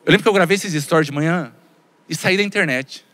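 A man in his thirties with a Brazilian Portuguese accent, doing animated stand-up storytelling and talking straight to the audience. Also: fairly high pitch, fast. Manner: animated storytelling, repeated "gente" asides to the audience. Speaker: stand-up comedian. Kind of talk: stand-up comedy. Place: stage at a live comedy show. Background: faint audience.

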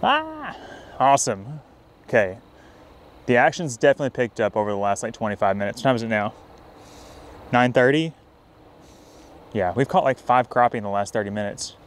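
A young man narrating his night fishing trip by a riverbank in a casual vlog style. He gets excitable, whooping and hollering whenever a fish bites. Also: mid-range voice, brisk, pauses often. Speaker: fishing vlogger. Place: riverbank near a dam at night, outdoors.

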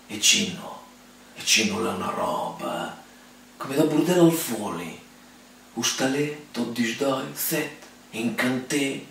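A man's voice: medium pitch, gravelly, slight background noise. A man with a Romagnol accent musing at length about daily life in dialect. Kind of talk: spoken dialect monologue. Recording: echoey room from far off.

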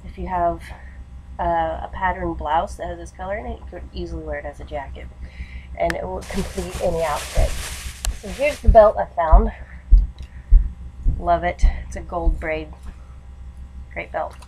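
Speaking at a moderate pace with long pauses, this woman in her twenties has a fairly low, slightly mellow voice and a steady tone, though allergies leave her congested. She's an education student chatting informally in a haul video from a small lamp-lit room at home. Her webcam or laptop mic sits at desk distance, and the rough recording picks up room noise and a TV.

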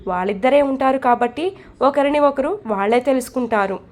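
A calm older grandmother from a storybook, as a woman narrator puts her on, speaking in a soothing, comforting way. The voice sits high and light. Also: brisk, lightly acted. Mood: reassuring.

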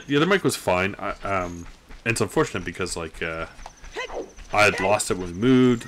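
A low-voiced man mumbles casual commentary while streaming a game from a desk in a room at home. He thinks aloud in a relaxed, rambling way, with game music clearly playing beneath him and a noisy background.

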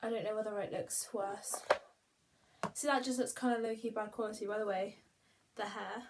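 A woman's voice: mid-range voice, fairly even intonation, moderate pace, slight background noise. A young woman chatting casually to her phone camera as a beauty vlogger, rambling and poking fun at herself. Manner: chatty, rambling, self-mocking. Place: at home.

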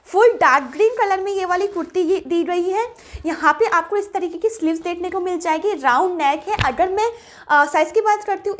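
High-voiced woman chatting through a clothing haul. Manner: chatty, mixes English words into Hindi, enthusiastic about prices. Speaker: fashion haul vlogger. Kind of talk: casual product review.

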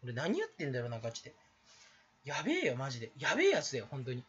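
A man's voice: medium pitch, huge pitch swings, very fast, a bit bright, breathy edge, muffled recording. A teenage man talking to camera in a rambling, self-mocking comedy vlog, joking and scolding himself, recorded on a camera mic in a small room. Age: teens. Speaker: small YouTuber.

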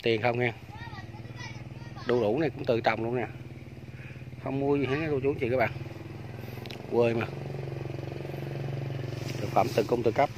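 Walking outdoors past fish ponds on a rural farm, a man gives a phone-filmed tour and talks to viewers chattily, repeatedly addressing them as aunts, uncles and friends. He speaks a little slowly with long pauses, at medium pitch with fairly even intonation and a darkish tone, over slight hiss or hum.

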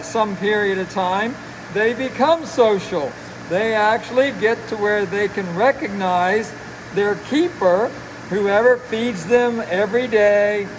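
Casting: middle-aged male aquarium guide, high-pitched, folksy, muffled by a face mask, loud pump-room noise behind. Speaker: aquarium animal keeper and guide. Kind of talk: casual educational live talk. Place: noisy indoor aquarium work room. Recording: noisy pump-filled room with loud hum.

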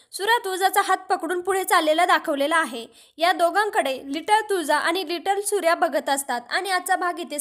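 A woman narrating a recap of a TV serial episode, retelling each scene in a steady storytelling manner. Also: extremely high pitch. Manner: steady retelling, reads out the dialogue.

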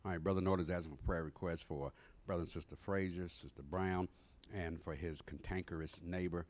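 Deep-voiced man teaching a church Bible class. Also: steady tone, brisk, a little mellow. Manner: emphatic, call-and-response questions. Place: church sanctuary with pews. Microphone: standing in front of a mic stand.

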